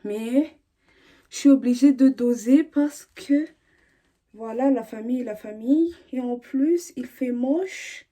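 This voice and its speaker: A woman's voice: high voice, slow pace, mellow. A young woman from Burundi chatting to the camera in a slangy way, full of fillers and restarts. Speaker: vlogger. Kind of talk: casual chat to camera.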